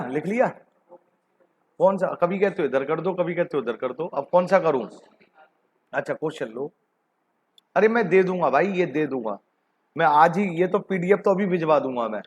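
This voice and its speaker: A man with a high-pitched voice teaches an online accounting class. He keeps coaxing his students with repeated questions and calls them "beta ji". He reads the figures aloud slowly. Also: a little hiss or hum. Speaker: commerce teacher.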